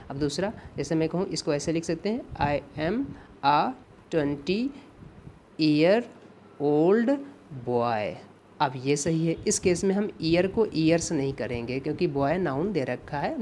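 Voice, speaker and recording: A man teaching an exam-prep English grammar lesson, explaining patiently, repeating points and often checking in with his students. He reads the English example sentences slowly and deliberately. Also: on the high side, expressive, a little mellow, a little hiss or hum. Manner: patient, repetitive, checks in with "ठीक है" and "है ना".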